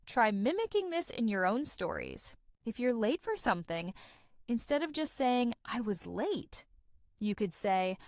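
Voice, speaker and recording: Expressive young woman, dry close sound. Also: fairly high pitch, normal speed, dry recording. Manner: expressive, conversational storytelling. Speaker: podcast host. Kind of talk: scripted narration for English learners.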